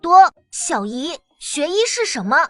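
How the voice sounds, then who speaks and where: A woman's voice: high-pitched, big pitch swings, measured pace, a little mellow. A woman voicing a chirpy little boy. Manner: chatty, blunt, childlike. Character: small cheeky boy about to start kindergarten. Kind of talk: animated drama dialogue.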